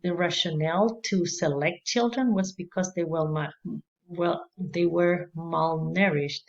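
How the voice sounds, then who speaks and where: A woman's voice: lowish voice, a little slow, muffled recording. A woman from Chile, giving a conversational class lecture on early childhood education, dotted with "you know" and light laughs.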